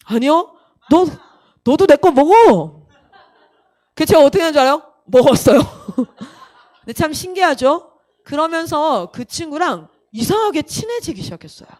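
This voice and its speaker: Animated high-voiced woman missionary telling her testimony. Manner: lively storytelling that acts out other people's lines; addresses the audience with direct questions. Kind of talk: personal testimony talk to a youth camp audience.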